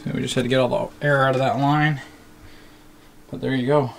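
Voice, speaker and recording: Here a DIY host explains, fairly quickly and casually, how to rig up a trailer's plumbing. His medium-pitched voice barely moves in pitch, and background noise is plainly heard.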